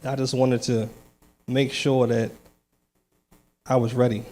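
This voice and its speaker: A man's voice: medium pitch, level tone, takes it slowly, darkish tone. A man giving a personal testimony at a church service, casual and earnest, laughing often, turning firm and declarative. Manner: nervous at first, then firm and declaring. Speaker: lay speaker giving testimony. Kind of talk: church testimony and short sermon.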